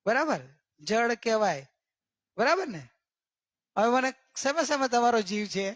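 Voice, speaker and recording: A man giving a religious discourse as a spiritual teacher. He keeps checking in with his listeners and draws key words out slowly for emphasis. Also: very high-pitched, expressive, a bit bright. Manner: questioning, coaxing listeners with repeated checks.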